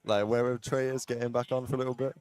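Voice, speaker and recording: A man in his twenties hosting a casual watch-party stream at an event venue, relaxed and laid-back. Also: mid-range voice, racing. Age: 20s. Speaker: stream host. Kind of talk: casual chat. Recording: crowd noise in the background.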